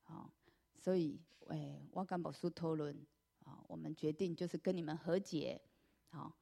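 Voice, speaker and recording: A woman with a Taiwanese accent gives an earnest personal testimony at church, telling her story with many drawn-out fillers. Her voice sits low, with a steady, gravelly, dark tone.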